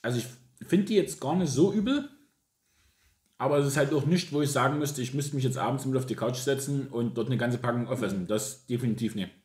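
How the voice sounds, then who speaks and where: A man's voice: mid-range voice, fairly even intonation, quick pace, hardly any pauses. A man, chatting casually as co-host of a tasting video. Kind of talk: casual chat. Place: domestic room indoors. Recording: roomy echo, clear background noise.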